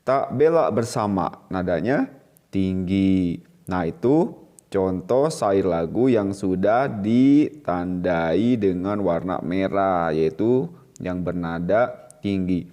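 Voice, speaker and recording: A man's voice: low-pitched, lively intonation, slow pace, mellow. A man teaching a recorded music lesson to children, explaining patiently and repeating each point step by step.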